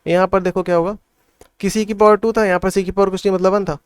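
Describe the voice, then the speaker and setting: Fast and flat in delivery, his high voice has a clean tone with no echo. As a maths tutor, he walks through textbook problems step by step, thinking aloud and regularly asking "theek hai."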